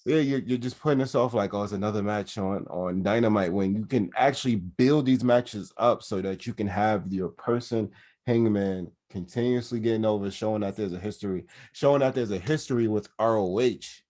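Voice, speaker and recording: Low-voiced man chatting about wrestling. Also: moderate pace. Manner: animated, mocking asides in a high put-on voice. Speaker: podcast co-host. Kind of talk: casual wrestling review chat.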